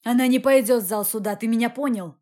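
A woman's voice: on the high side, moderate pace, close to an everyday voice. A woman reading a protective, hot-tempered young man. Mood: angry. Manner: forceful, heated.

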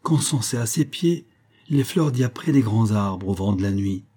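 Young male poet, bold and cunning, impassioned pleas, dark husky tone; a man reads the part. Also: on the low side, lively intonation, moderate pace. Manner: impassioned and defiant pleading. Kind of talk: audiobook reading.

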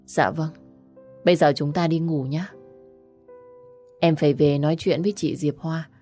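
A woman voicing a gentle, caring young wife who turns firm under pressure. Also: low voice, steady tone, moderate pace, faint music behind. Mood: tender.

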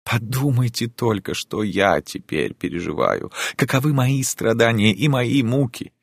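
A man's voice: mid-range voice, animated, unhurried, creaky, breathy edge, dry recording, pitched above the performer's own voice, exaggerated voice. A man voicing a passionate noble countess in an audiobook reading, speaking in a dramatic, impassioned, imploring way.

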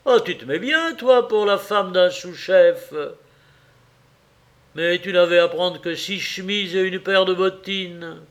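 A man's voice: high-pitched, sing-song, normal speed, hardly any pauses, a bit bright, pitched above the performer's own voice. A man reading an audiobook voices a jovial railway deputy stationmaster with a hearty, bantering manner. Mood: teasing.

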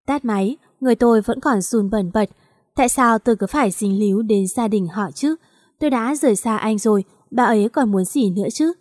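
A woman narrating a first-person story in a soft, even storytelling read. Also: fairly high pitch, fairly quick, no echo, clean studio sound.

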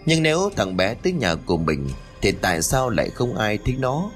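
A man's voice: fairly low pitch, sing-song, fairly quick, soft background music. A man voicing a shrewd old grandmother who mutters her thoughts to herself. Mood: brooding.

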